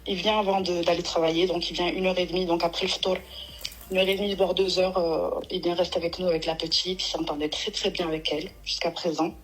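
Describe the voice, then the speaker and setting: A woman's voice: on the low side, flat delivery, fast talker, soft background music, low-quality recording. A woman phoning in to tell a long personal story, rambling and emotional, with many restarts. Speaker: caller. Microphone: phone.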